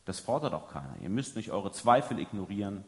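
A man with a fairly low voice preaches a sermon in a large hall, his words trailing off in a long reverb. He talks conversationally, often tagging his sentences with a questioning "ja". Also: big pitch swings, brisk. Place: large hall before an audience.

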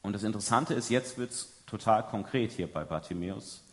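A man with a fairly low voice preaches a sermon in a large hall, his words trailing off in a long reverb. He talks conversationally, often tagging his sentences with a questioning "ja". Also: normal speed. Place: large hall before an audience.

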